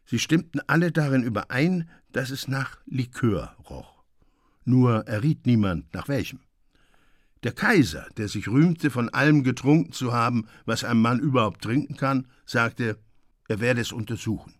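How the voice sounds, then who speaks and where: A man narrating a literary story in a measured, expressive reading style. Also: mid-range voice, no room sound. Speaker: audiobook reader. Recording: dry studio sound.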